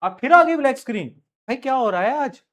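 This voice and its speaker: A man's voice: very high-pitched, lively intonation, fast, fairly bright tone. Man, online teacher, chatty, teasing, mixes in English terms, live class lecture.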